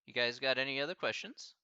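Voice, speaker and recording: A math professor with a Midwestern American accent talks through student questions in an easygoing, chatty way. His voice is bright and forward. The audio is dry and dull, like a lo-fi stream. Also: mid-range voice, clean tone, no room sound. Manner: chatty, easygoing, thinks aloud. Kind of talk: casual live Q&A with students.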